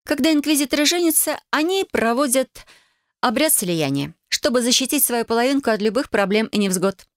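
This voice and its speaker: Brash, hot-tempered witch, teasing and a bit higher, read by a woman. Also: expressive, no echo, studio quality, lightly acted. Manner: teasing, breezy, quick to yell. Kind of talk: audiobook character voice.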